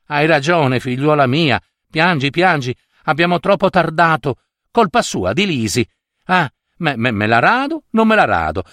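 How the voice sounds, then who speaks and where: A man's voice: a little high, fairly bright tone, dry recording, clean studio sound, pitched above the performer's own voice. A man reading aloud and voicing a plump, impetuous older woman who bosses and scolds her brother. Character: pushy plump older woman, sister of the groom.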